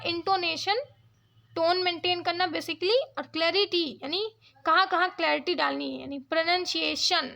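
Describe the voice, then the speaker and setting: Woman tutor, very high, gravelly voice; patient step-by-step lecture delivery. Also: pushed and bright. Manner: explains step by step, checks in with "ठीक है?". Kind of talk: Hindi-English exam lecture.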